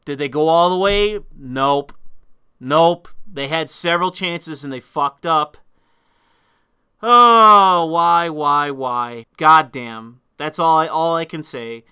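A man ranting through a film review, swearing and swinging from low mutters to sudden shouted outbursts in exasperation. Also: smooth. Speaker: movie reviewer.

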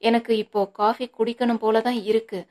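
A woman's voice: on the high side, flat delivery, brisk, a little mellow, natural voice. A woman reading the part of an angry, stubborn young wife in a storybook, speaking sharply and indignantly.

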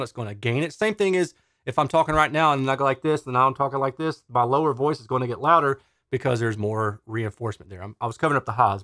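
A man's voice: mid-range voice, fairly bright tone, dry recording, studio quality. A man, father of a teenager, casually reviewing a speaker in a chatty, enthusiastic way and explaining technical terms. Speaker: audio reviewer.

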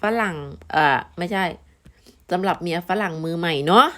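A woman's voice: lowish voice, steady tone, moderate pace, fairly bright tone. A Thai woman vlogger with an Isan accent, chatting casually to her viewers, giving friendly warnings with many fillers.

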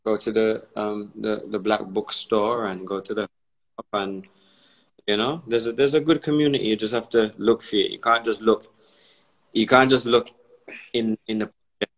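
A man from Barbados hosting a casual phone live stream, talking in a relaxed, rambling way with many fillers. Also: lowish voice, normal speed, low-quality recording. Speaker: Instagram live host.

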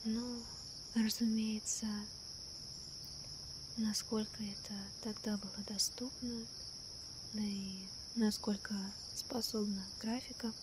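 Woman acting slow ASMR role-play, gentle stargazing girlfriend, close up. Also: on the high side, flat delivery. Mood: hushed wonder. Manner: soft, close soft voice right in the listener's ear. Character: gentle, wonder-struck girlfriend stargazing at night. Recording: night crickets, insects and clear ambient noise. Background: crickets and night insects.

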